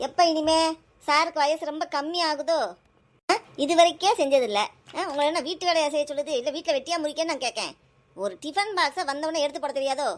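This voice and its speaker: A woman scolds her children in a scripted family skit. Her voice sits high, and she nags loudly in quick, sharp bursts. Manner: scolding, nagging, loud and rapid.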